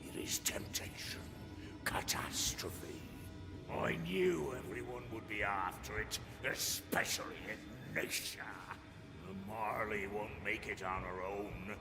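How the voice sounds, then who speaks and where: An actor playing a gruff old sea dog, a scheming pirate captain who gives slow, theatrical warnings in a gravelly, whispery voice for a video game. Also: male voice, fairly low pitch, over music. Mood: ominous, secretive. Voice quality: gravelly, breaking into hoarse whisper. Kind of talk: scripted dramatic game voice acting.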